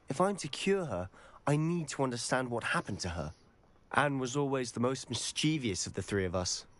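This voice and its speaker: A man's voice: medium pitch, close to an everyday voice. An actor playing an earnest, determined young male wizard student in a video game. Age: young adult.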